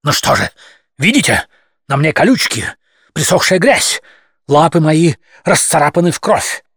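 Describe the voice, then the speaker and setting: A man voicing a fiery male cat orator who hurls short, sharp, accusing phrases at a crowd in an audiobook. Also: fairly high pitch, very animated, normal speed, slightly rough, dry recording, studio quality, voice pushed up, full character voice. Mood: conspiratorial. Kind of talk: audiobook character voice.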